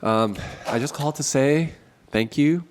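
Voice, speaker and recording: A man's voice: medium pitch, a little slow, slight background noise. A man hosting a casual podcast from a small office, talking in a nasal, stuffy voice, chatty and self-deprecating, laughing often. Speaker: podcast host. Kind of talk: casual solo podcast talk with phone calls.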